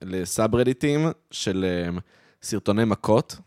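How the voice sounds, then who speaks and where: Relaxed man in casual podcast chat. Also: on the low side, no echo, clean studio sound. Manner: relaxed and conversational, teasing his co-host. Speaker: podcast co-host.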